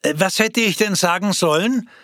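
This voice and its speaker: A man voicing a calm, matter-of-fact friend speaking over a video call in a read-aloud story. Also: high voice, moderate pace, no echo, studio quality, voice pushed up. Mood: calm, reasoning.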